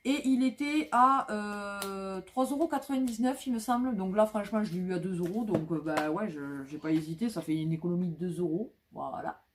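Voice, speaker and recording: A woman's voice: medium pitch, normal speed, slight background noise. A woman vlogging casually about flea market finds, talking with many fillers and restarts.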